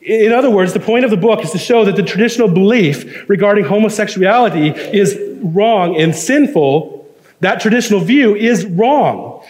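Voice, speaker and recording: A man's voice: sits high, darkish tone. A man preaching a sermon, earnest and emphatic, reading quotations aloud and building to firm points. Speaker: pastor.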